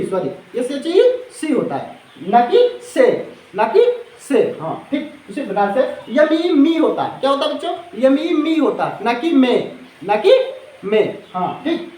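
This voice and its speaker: A man's voice: very high-pitched, darkish tone. A male teacher giving a phonics lesson to children, often quizzing the class with repeated questions. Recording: echoey classroom.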